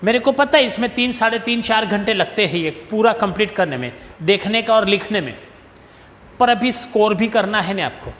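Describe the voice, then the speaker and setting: High-voiced male teacher dictating slowly. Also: expressive, a bit bright, big-room sound, a little hiss or hum. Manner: mixes Hindi with English terms, slows to dictate definitions. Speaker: commerce teacher. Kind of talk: recorded video lecture.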